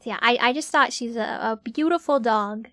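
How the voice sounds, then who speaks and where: A woman's voice: a little high, normal speed, fairly bright tone, no echo. A woman livestreamer chatting casually in a cute anime-streamer manner. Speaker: streamer, VTuber host. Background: faint music.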